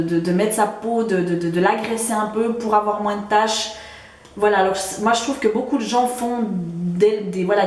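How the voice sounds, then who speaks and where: A woman's voice: medium pitch, darkish tone. A woman with a Swiss French accent casually reviewing beauty products she has used up, with frequent fillers and restarts. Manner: hesitant, many fillers and restarts. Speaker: beauty vlogger. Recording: roomy echo.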